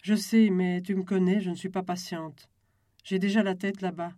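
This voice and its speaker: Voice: medium pitch, flat delivery, normal speed, warm tone, no room sound, studio quality, lightly acted. An audiobook reader voicing an impatient young woman who talks casually about a big decision. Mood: eager.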